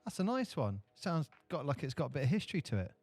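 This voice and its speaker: Excitable man hosting a basketball podcast. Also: on the high side, fast talker, husky, soft background music. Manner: excitable, teasing. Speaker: podcast host. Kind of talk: casual podcast chat.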